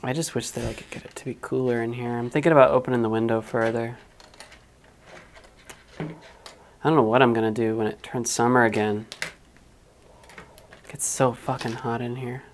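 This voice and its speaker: A livestreamer building a 3D printer speaks with a steady, medium-pitched tone at a moderate pace, leaving long pauses, with slight hiss or hum audible. Working in a small, hot room at home, they chat casually while wiring, mutter to themselves, and sometimes swear.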